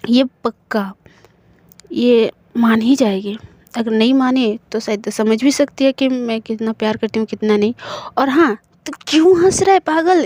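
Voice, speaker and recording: A flustered young woman in love rattles off her promises fast, her voice high and dry, as a woman narrator reads her part. She sounds like a character from an audio storybook. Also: dark tone, no room sound.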